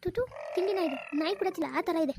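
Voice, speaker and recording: A woman's voice: very high voice, fast talker, background noise. Woman voicing a bossy scolding mother-in-law. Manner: scolding, nagging.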